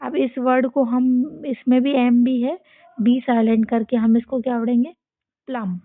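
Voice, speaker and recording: A woman with an Indian accent and a slightly high voice teaches children phonics, asking questions and repeating each word for them to echo back. The sound is thin and phone-like, close and dry with no room around it. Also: level tone. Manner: slow, drilling repetition with call-and-response questions.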